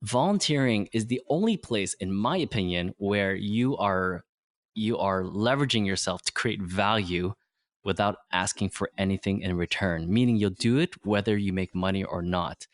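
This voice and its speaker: In studio-quality audio with no echo, a man in his forties, a native Vietnamese speaker, speaks at a normal pace in a voice on the low side. As a podcast guest in a motivational interview, he explains things earnestly in simple phrases, often ending with "right?"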